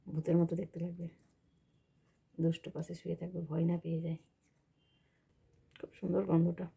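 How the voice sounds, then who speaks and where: A woman with a gravelly, slightly husky voice chatting at home for her vlog. She talks easily and steadily, explaining things as she shows them, with a Bengali accent. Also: lowish voice, completely flat delivery, normal speed, warm tone, dull audio. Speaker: vlogger. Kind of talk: casual home vlog chat.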